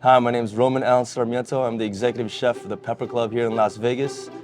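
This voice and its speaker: Talking fast over music, a Filipino executive chef gives a beginner casual pointers on cleaning fish in a restaurant kitchen. His mid-range voice has a flat delivery, and his manner is direct and teasing.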